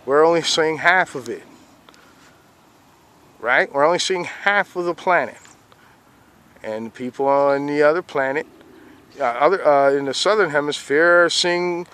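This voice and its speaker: Outside by a fenced yard, this man points his handheld phone at the sky, rambling and repeating "see?" while he indicates things. His voice is on the high side and a bit bright, and he speaks at a measured pace with frequent pauses.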